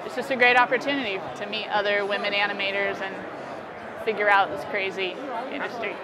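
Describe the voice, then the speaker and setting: Fairly quick and fairly even in intonation, a young American woman's mid-range voice comes through as she talks casually as an artist interviewed at an indoor expo booth. The convention hall's crowd chatter is busy around her.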